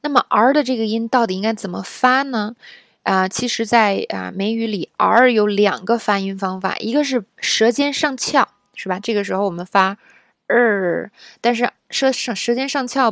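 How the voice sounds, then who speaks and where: A woman's voice: mid-range voice, moderate pace, a bit bright, no room sound, clean studio sound. A woman from China teaching English pronunciation in a casual spoken lesson, explaining patiently and often checking in with the listener.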